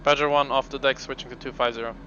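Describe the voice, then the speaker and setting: Pilot on the radio, brisk and matter-of-fact, muffled with heavy static. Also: male voice, mid-range voice, steady tone, bright, forceful tone. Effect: over a radio. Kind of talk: radio procedure calls.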